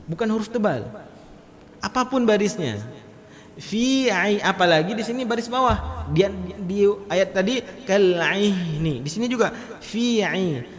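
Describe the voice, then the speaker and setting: High-voiced teacher in an echoing mosque. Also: male voice. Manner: explains letters then demonstrates with loud drawn-out recitation. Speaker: Quran recitation teacher. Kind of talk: mosque tajwid lesson. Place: large mosque hall. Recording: echoey mosque hall.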